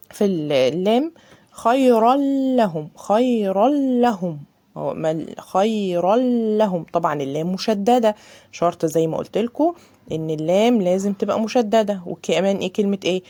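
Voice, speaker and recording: Female tajweed teacher, Egyptian accent, casual explainer, warm mellow tone, slow drawn-out recitations. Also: mid-range voice, expressive. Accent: Egyptian Arabic. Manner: explains casually, then drawls examples slowly. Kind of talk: tajweed lesson with recited examples.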